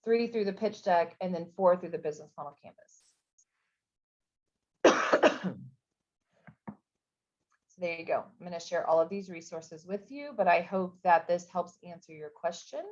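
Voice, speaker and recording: A woman explains a program in a recorded info session, in a relaxed, conversational way. She often restarts her sentences and fills the gaps with ums. Her voice sits a little low, and the recording sounds dull and lo-fi. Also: a little fast. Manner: casual, conversational, with many fillers and restarts. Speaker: program coordinator.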